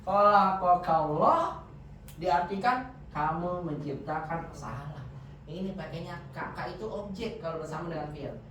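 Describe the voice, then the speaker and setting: Over a noisy background, a man whose voice sits a little high leads a classroom lesson on Arabic grammar, repeatedly putting questions to his students. It's captured in an echoey room on a dull, distant microphone.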